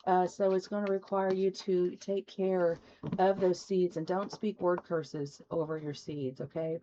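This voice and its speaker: A woman's voice: lowish voice, level tone, measured pace, warm tone, lo-fi sound, a little hiss or hum. A woman giving a rambling, folksy spiritual tarot reading to her viewers. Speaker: tarot reader. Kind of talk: casual spoken tarot reading.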